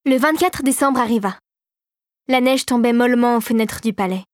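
Calm woman narrating a storybook. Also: fairly high pitch, moderate pace, no room sound, clean studio sound. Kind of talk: audiobook narration.

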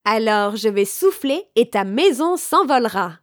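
Woman voicing the big bad wolf, loud and pitched up. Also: big pitch swings, unhurried, no room sound, studio quality. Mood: threatening. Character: big bad male wolf, hungry and menacing.

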